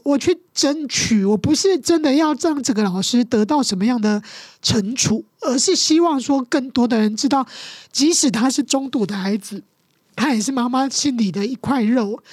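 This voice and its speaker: A guest on a podcast interview, this middle-aged woman (a teacher and mother) speaks with a Taiwanese Mandarin accent, emotionally and passionately telling a painful story and acting out scenes quickly. Her fairly high voice is a little mellow and slightly rough, in studio quality with no room sound.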